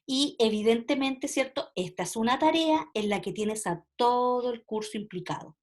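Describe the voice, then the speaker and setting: A woman gives a recorded lecture to teachers. Her voice sits somewhat high. She explains patiently, stopping often to ask rhetorical questions and check that listeners follow. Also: moderate pace. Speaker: teacher trainer.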